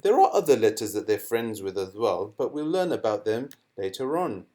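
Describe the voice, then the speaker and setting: A man teaching children a lesson in a playful, animated way, asking questions and making sound effects. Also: fairly low pitch, normal speed.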